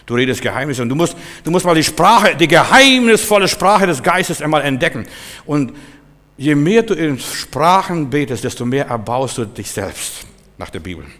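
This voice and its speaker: An older man preaching a charismatic sermon, dropping to quiet, low asides and then rising to loud, forceful commands. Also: very animated, moderate pace, big-room sound.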